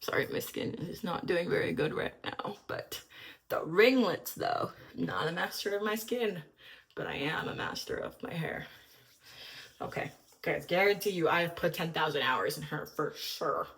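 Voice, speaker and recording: A woman's voice: lowish voice, lively intonation, normal speed, fairly bright tone. A young woman vlogger in a casual, upbeat chat to camera, a little out of breath and using lots of fillers. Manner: chatty, upbeat, filler-heavy. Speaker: lifestyle vlogger.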